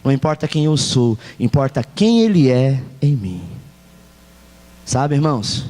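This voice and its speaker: A man's voice: medium pitch, big pitch swings, unhurried, warm tone. A male pastor with a Brazilian Portuguese accent preaching a sermon, emphatic and repeating key phrases. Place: church hall. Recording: long church hall reverb.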